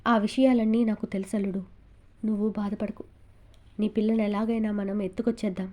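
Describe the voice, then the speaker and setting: A woman voicing an older man, a doting and protective uncle, who speaks softly and reassuringly. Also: medium pitch, steady tone, moderate pace, natural voice.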